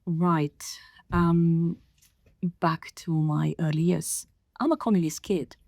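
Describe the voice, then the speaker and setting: Middle-aged woman from Romania, podcast guest, gravelly fry, dry close sound, thoughtful and unhurried. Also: low-pitched, steady tone, a little mellow, no echo. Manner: measured, thoughtful, many pauses and fillers. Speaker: guest, council director. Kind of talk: podcast interview.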